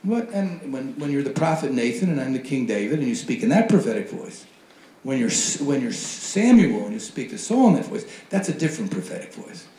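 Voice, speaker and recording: A man's voice: mid-range voice, very animated, fairly quick, mellow. A man giving a wry, conversational talk on a panel, acting out quoted voices in asides. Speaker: panel speaker. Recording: roomy hall recording.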